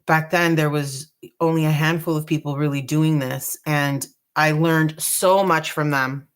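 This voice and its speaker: A woman hosting a live dot painting tutorial, chatty and relaxed, joking about her own nerves. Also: sits low, a little slow, clear, resonant tone. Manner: chatty, relaxed, self-deprecating. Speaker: craft tutorial host.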